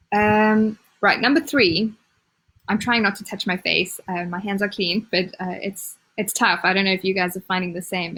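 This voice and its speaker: Woman nutrition coach, breathy, casual live-stream chat, chatty and upbeat. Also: medium pitch, low-quality recording. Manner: chatty, many "um"s and restarts, upbeat asides.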